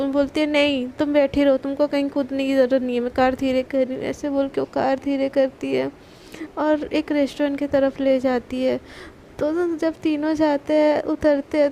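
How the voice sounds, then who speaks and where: A woman's voice: sits high, gravelly, mellow, a little hiss or hum. A woman retelling a love story in a casual, chatty run-on way, as the channel's storyteller.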